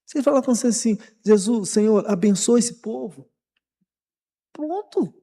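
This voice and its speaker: This pastor's voice is high, expressive and mellow, moving at a normal speed. Leading a Bible study in a church hall full of long reverb, he speaks informally and animatedly with a Brazilian Portuguese accent, repeating words as he encourages the congregation.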